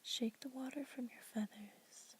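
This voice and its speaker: A young woman, an ASMR creator, reads poems aloud in a soft, unvoiced whisper that never lets up. Her voice is high, husky and steady, a little slow, and her intro is casual and chatty, sprinkled with fillers.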